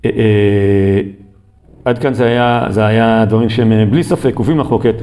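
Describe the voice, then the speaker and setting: Mellow-voiced man teaching, halting with fillers. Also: fairly low pitch. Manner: hesitant, many drawn-out fillers. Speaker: Torah teacher. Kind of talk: recorded Torah lesson.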